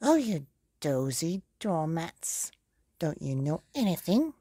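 A woman's voice: mid-range voice, huge pitch swings, slow, creaky, a little mellow, husky, no echo, studio quality, voice pushed up, full character voice. A woman voicing a spiteful female wicked fairy in a storybook, scornful and name-calling.

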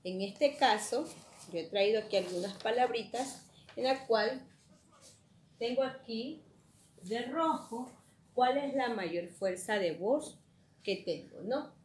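A woman teacher giving a slow, patient classroom lesson and checking in with her students through frequent questions. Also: a little high, lively intonation, a little hiss or hum. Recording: echoey room, faint ambience.

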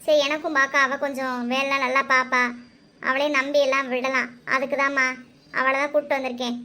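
A woman's voice: high voice, level tone, a little fast, bright, forceful tone. A woman voicing homely village women in a cartoon, chatty and scolding by turns. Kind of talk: cartoon voice acting.

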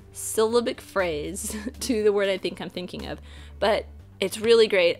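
A young woman chats through her latest movie haul at home, gushing and rambling and sometimes hunting for the right word. She sounds a bit groggy from the early morning. Faint music plays behind her. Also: medium pitch. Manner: enthusiastic, rambling, searches for words. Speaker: movie vlogger. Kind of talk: casual haul video chat. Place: home room with bookshelves.

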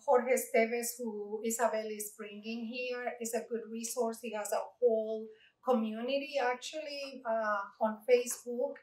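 A woman poet answering audience questions, slow and thoughtful, with many fillers and restarts, standing at a lectern in a library meeting room. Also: fairly high pitch. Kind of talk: unscripted Q&A at an author talk. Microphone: far room mic. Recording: echoey room recorded from far off.

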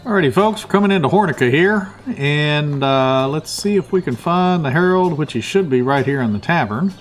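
A man's voice: on the high side, expressive, normal speed. A man casually commenting on a video game he is playing, thinking aloud with plenty of fillers. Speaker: let's play host.

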